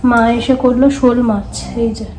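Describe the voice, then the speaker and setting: A woman's voice: on the high side, fairly even intonation, moderate pace, darkish tone. A woman with a Bengali accent, chatting casually in a daily vlog while doing chores. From India. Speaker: vlogger. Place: home in hot weather. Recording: echoey home room with clear background noise.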